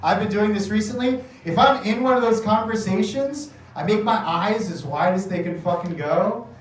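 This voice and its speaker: A man's voice: high voice, moderate pace. A man doing a nervous stand-up set in a small comedy bar, rambling and cursing with lots of fillers. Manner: rambling, profane, filler-heavy. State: nervous and sweaty. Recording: echoey club room from far off. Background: audience noise and laughter.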